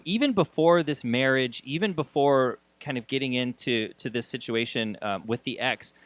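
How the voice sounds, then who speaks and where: A man hosting a podcast, talking conversationally with halting phrasing and repeated words. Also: medium pitch, a bit bright, no room sound. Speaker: podcast host. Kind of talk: conversational podcast intro and interviewing.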